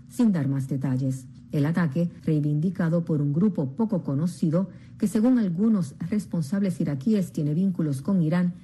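Woman, news correspondent, measured formal read, low pitch, husky. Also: dark tone. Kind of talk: news report.

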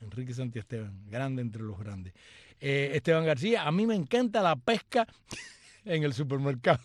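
A man's voice: medium pitch, animated, normal speed, no room sound, clean studio sound. A man, hosting a radio show and live stream, reading listener comments aloud with joking asides. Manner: chatty, joking asides and greetings.

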